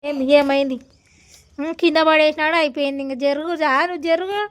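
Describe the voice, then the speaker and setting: A woman's voice: high voice, steady tone, a little fast, background noise. A woman, a mother, talking casually with her young daughter at home, coaxing and scolding. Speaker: mother and vlogger.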